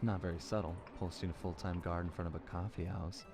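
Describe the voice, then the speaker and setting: A man's voice: sits low, level tone, fast. A man voicing a suave young male raccoon thief who talks in a cool, laid-back, dry way, in a game. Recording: game audio with music behind.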